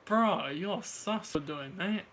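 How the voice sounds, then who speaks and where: A man's voice: on the high side, fairly even intonation, unhurried, bright, forceful tone, a little hiss or hum. A man chatting casually with a friend about everyday things, in slangy, informal speech. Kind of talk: casual chat.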